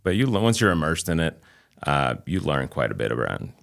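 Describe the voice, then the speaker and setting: Speaking as a guest in a casual interview, a chiropractor in his thirties takes a measured, reflective approach, pausing frequently. He has a bass voice with big pitch swings and vocal fry, a light New England accent, and Albanian as his native language, having come from Kosovo.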